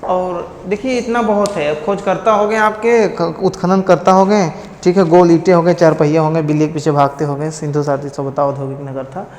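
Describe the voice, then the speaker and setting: A man's voice: on the high side, fairly even intonation, moderate pace, few pauses, darkish tone, roomy sound, long reverb tail. A man from India teaching an exam-prep history lesson, quizzing his students by repeating each key fact as a question and giving memory tricks.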